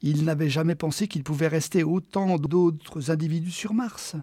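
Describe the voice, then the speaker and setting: A man reading a short story aloud as an audiobook, expressive and slowing down for the quiet moments. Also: a little high, dry recording.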